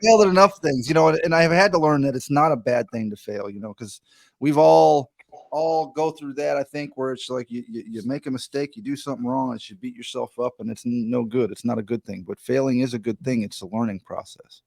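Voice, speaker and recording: A man in his fifties hosting a casual podcast interview, joking and asking quick questions. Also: mid-range voice, gravelly, a little mellow. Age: 50s. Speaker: podcast host.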